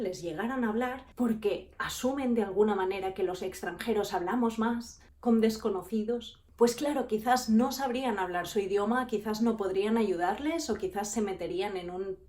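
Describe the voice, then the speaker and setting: A woman tells her everyday anecdotes straight to the camera. Her voice sits at a middling pitch, and she talks in a lively, expressive way. She likes to act out the people in her stories. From Spain. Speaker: vlogger. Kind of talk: storytelling anecdotes.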